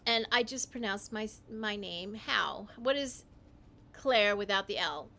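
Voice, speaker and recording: Slow, bright-voiced woman rambling on livestream. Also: mid-range voice, gravelly. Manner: meandering, self-correcting, halting; typing while talking. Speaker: livestream host.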